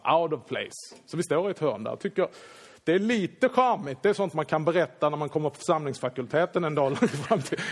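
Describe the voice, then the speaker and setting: A man, a Swedish pastor, telling a lively anecdote in a sermon and acting out the quoted lines. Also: on the high side. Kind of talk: sermon storytelling.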